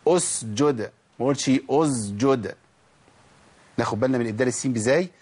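Man, Egyptian accent, husky voice, recitation lesson, slow sound drills, rhetorical questions. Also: medium pitch, steady tone, darkish tone. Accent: Egyptian Arabic. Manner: drills sounds slowly, asks and answers his own questions. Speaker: Quran recitation teacher. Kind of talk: recorded tajweed lesson.

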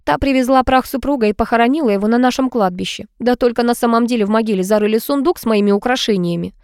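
A woman's voice: fairly high pitch, darkish tone, smooth, no room sound, clean studio sound, close to an everyday voice. Woman reading as a composed, lecturing older lady. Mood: reproachful. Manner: measured, lecturing speech.

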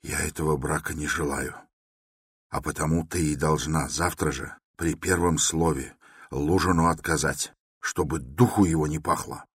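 A man's voice: rumbling low, steady tone, moderate pace, breathy edge, no room sound, clean studio sound. A man reading an audiobook who voices a feverish, irritable young man speaking curtly and with strain. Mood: harsh.

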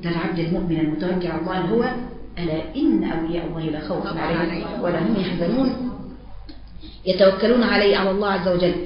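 A woman with an Egyptian accent giving a religious lesson, emphatic, speaking directly to women listeners and quoting verses. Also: mid-range voice. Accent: Egyptian Arabic. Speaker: religious preacher. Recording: very echoey, dull lo-fi sound.

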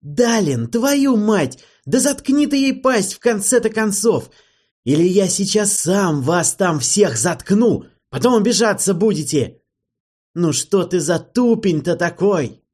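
A man reading an audiobook and voicing an irritable male mage who yells and curses, in a husky voice. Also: fairly high pitch, very animated, moderate pace, hardly any pauses, pitched above the performer's own voice. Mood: yelling. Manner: yelling, cursing.

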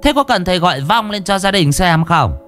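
A shrill, haughty old female shaman who brags and talks down to everyone, voiced by a man. The voice sits high above his own deep register and swings widely in pitch. Faint music plays underneath the storytelling. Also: lively intonation, brisk, a bit bright. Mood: indignant. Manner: shrill, bossy, boastful, haughty. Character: boastful sharp-tongued older female shaman.

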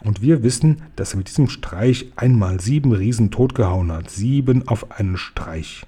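A man's voice: on the low side, lively intonation, moderate pace, dark tone, breathy edge. A man reading a storybook aloud, voicing a friendly old giant who whispers and murmurs warily. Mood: hushed. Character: big friendly old male giant, hushed and wary.

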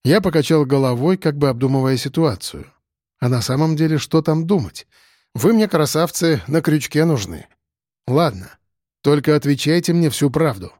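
A man's voice: fairly high pitch, animated, normal speed, a little mellow, no room sound. A man narrating an audiobook in a stern, dry, matter-of-fact first-person manner.

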